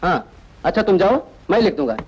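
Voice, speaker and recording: A stern, dutiful police inspector who speaks quickly and formally. His voice sits high for a man. The sound is dull and lo-fi, as in an old dubbed film. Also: very animated, darkish tone, husky, exaggerated voice. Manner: firm, formal. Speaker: police officer. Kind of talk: Hindi film dubbing.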